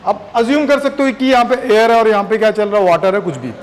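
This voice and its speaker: A man's voice: sits high, expressive, quick pace, rough recording. A man teaching physics in a classroom, often firing questions at his students. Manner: questioning the class often, mixing in English terms. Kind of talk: classroom lecture.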